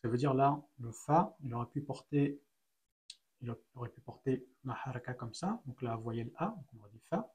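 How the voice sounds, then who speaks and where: A man's voice: mid-range voice, moderate pace, darkish tone. A man teaching an Arabic lesson in French, patiently explaining each letter and sound one at a time with frequent fillers. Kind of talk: slow step-by-step lesson.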